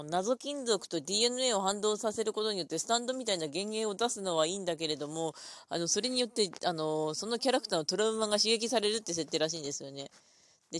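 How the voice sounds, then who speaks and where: A woman talking alone in a casual, rambling way, full of fillers, thinking aloud at her computer and drifting into quiet mumbles. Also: medium pitch, dry recording. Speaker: solo podcast host.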